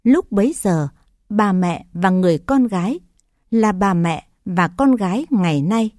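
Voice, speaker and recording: A woman narrates Buddhist scripture tales in a calm, even reading voice. Her pace is slow and unhurried. Her tone is mellow, and the recording is dry and close. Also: mid-range voice, dry recording.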